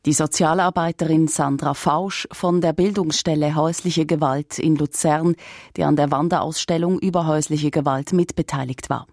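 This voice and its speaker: A woman radio presenter announcing segments in a brisk news style. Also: low voice, fairly even intonation, darkish tone, no room sound, clean studio sound.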